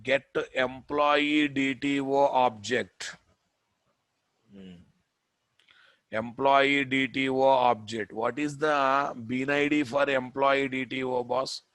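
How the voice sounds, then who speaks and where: Male tech instructor, unhurried and repetitive lecture delivery, question-driven, recorded dry. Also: mid-range voice, steady tone, a bit bright, dry recording. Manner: repetitive, prodding listeners with questions. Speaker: programming instructor. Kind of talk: live coding lecture.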